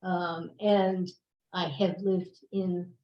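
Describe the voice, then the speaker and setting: A woman from the town committee introducing herself in a slow, deliberate way. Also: on the low side, flat delivery, slight background noise. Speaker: town resident, committee member. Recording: distant, dull, echoey.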